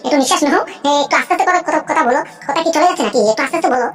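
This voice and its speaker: A woman's voice: high-pitched, very fast, echoey room, faint music behind, close to an everyday voice. A woman voicing a cheeky younger sister in a cartoon, who teases bluntly. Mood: teasing. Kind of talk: cartoon voice acting.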